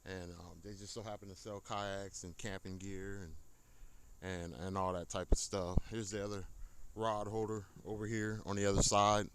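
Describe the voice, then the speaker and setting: Speaking at normal speed in a lowish, level voice, an American man gives an informal, off-the-cuff tour of his kayak fishing gear as a hobbyist. His folksy rambling is captured on a handheld tablet whose distance keeps changing, leaving the audio noisy and uneven.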